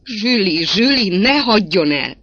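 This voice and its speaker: A man's voice: on the high side, bright, forceful tone. A man playing a passionate aristocratic marquis who pleads with his lover. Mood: begging. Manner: passionate, beseeching. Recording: dull lo-fi recording.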